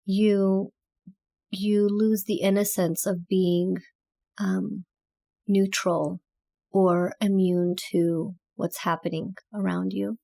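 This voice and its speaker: Creaky-voiced woman from Azerbaijan. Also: medium pitch, flat delivery, takes it slowly, dark tone. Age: 30s. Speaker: podcast guest, author and entrepreneur. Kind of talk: reflective interview storytelling.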